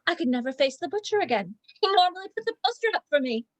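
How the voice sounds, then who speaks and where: A woman's voice: very high voice, big pitch swings, fast talker, low-quality recording. A woman reading the part of a prim, indignant member of a village drama group. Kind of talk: amateur play reading. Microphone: video call.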